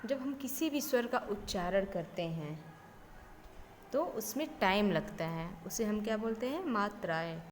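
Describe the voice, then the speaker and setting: A woman's voice: mid-range voice, expressive, measured pace. A woman teaching young children a Hindi lesson, repeating each phrase and spelling words out letter by letter, dropping in English words like "okay". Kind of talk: slow primary-school Hindi lesson. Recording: reverberant room with faint background noise.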